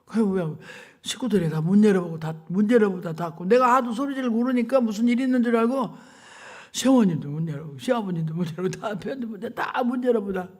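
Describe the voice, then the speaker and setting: A woman's voice: medium pitch, fast, a little mellow. An older woman preacher giving an emotional sermon testimony in a dramatic, colloquial, emphatic way. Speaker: revival preacher.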